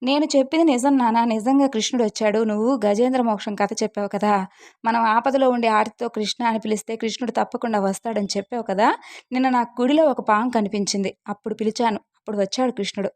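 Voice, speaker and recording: A woman's voice: a little high, steady tone, quick pace, a little mellow, natural voice. A woman voicing an innocent, devoted young girl who speaks earnestly and pleads.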